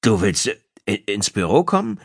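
A man's voice: on the low side, big pitch swings, measured pace, gravelly, slightly rough, dry recording, studio quality, voice pushed up, full character voice. A man voicing a nervous, evasive husband in an audiobook, hesitating and stammering. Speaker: psychologist character. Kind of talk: audiobook dialogue.

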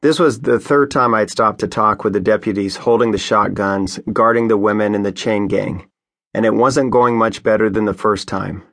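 A man's voice: fairly low pitch, fairly even intonation, normal speed, a bit bright. A man who is a pastor narrating his own memoir audiobook in an earnest, conversational storytelling manner, recorded on a studio microphone.

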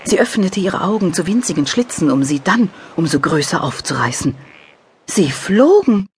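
A woman narrating a children's audiobook in a lively storytelling manner. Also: deep voice, fairly quick, a little hiss or hum. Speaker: narrator and author.

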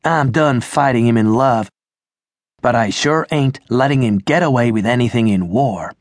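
A man's voice: medium pitch, normal speed, dry recording, studio quality, natural voice. A man voicing an easygoing male vampire with a folksy, slangy drawl in an audiobook. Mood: wry. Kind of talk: audiobook character voice.

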